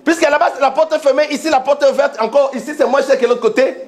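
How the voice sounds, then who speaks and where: A man preaching a sermon as pastor, animated, often shouting and laughing. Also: very high voice, quick pace.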